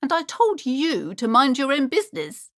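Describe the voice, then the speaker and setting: Playing a haughty, easily offended bookshop owner in middle age, prim, strict and superstitious as a mother, the actor uses a high voice that swoops through emphatic turns. The video game performance is theatrical and very animated at a moderate pace, with an indignant mood.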